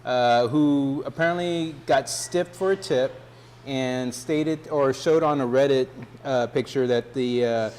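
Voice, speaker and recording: A man from Texas, co-hosting a casual chat show in a relaxed, easygoing way with plenty of "uh"s. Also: medium pitch, measured pace, slight background noise. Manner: relaxed, uses "y'all", frequent "uh" fillers. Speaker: co-host.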